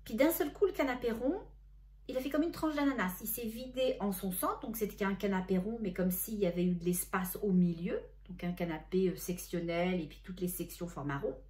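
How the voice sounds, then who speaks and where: Speaking at medium pitch and a brisk clip, a middle-aged woman who works as a spiritual medium conducts a channeling session, chatting and gently delivering messages.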